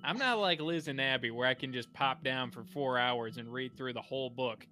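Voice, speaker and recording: A man's voice: mid-range voice, normal speed, sharp tone, soft background music. A man co-hosting a podcast in casual chat, joking, laughing often and breaking into bits of show tunes. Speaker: podcast co-host.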